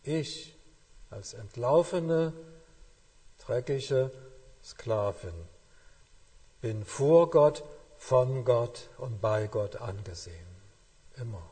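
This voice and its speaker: Male preacher, husky voice, mid pitch, emphatic sermon delivery with hushed phrase ends, long hall reverb. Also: animated. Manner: emphatic, slow weighty phrasing with hushed endings.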